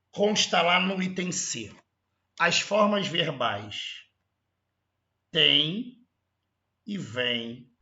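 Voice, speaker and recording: A man with a Brazilian Portuguese accent teaching an exam correction lesson, animated and emphatic, stretching out sounds to show them. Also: a little high, echoey room, muffled recording.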